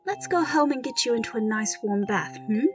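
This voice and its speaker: A woman's voice: on the high side, animated, brisk, soft background music, natural voice. A woman voicing a practical, protective queen who scolds and soothes her husband. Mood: soothing. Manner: firm, scolding, caring.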